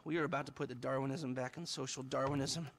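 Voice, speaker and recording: A man's voice: medium pitch, fairly even intonation, quick pace, slight background noise, lightly acted. An actor playing a sardonic, scheming middle-aged male hacker who rants in profane bursts in video game dialogue. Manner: sneering, profane ranting.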